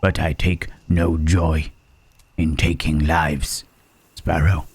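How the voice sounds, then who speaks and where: Male actor as gentle monster, deep breathy rasp, slow halting delivery, melancholy, formal, ASMR roleplay. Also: level tone, no echo, heavily acted. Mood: sorrowful, earnest. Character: Frankenstein's monster, gentle, brooding, melancholy creature.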